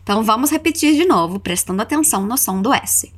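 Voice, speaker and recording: Fast and lively in intonation, with a fairly high pitch, a woman with a Brazilian accent hosts a podcast language lesson. It's scripted, with repeat-after-me drills, and she teaches instructively, pronouncing example phrases with care for repetition.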